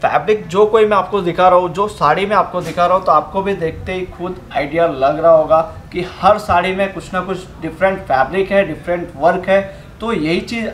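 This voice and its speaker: Speaking in a slightly high voice, a young man presents sarees at an indoor fabric showroom, covering their fabrics and work. His delivery is a steady sales pitch that lingers on fillers. Shop-room echo and a soft hum of background noise carry through.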